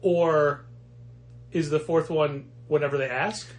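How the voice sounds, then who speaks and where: A man's voice: a little high, steady tone, takes it slowly. A man co-hosting a comic shop podcast, asking prompting questions and teasing his co-host. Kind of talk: casual chat.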